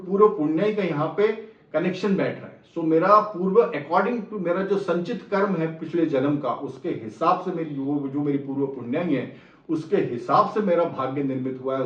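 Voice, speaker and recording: A middle-aged astrologer explains his subject, slipping phrases into his Hindi and repeating each point. His voice sits fairly high and sounds set back from the mic in a roomy space. The recording is slightly dull. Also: recorded from a distance. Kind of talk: explanatory lecture.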